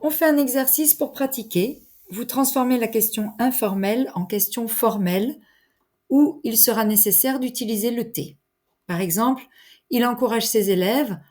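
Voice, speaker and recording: A woman teaching a French lesson, enunciating each phrase slowly and carefully. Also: on the high side, darkish tone. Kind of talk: slow, clear language lesson.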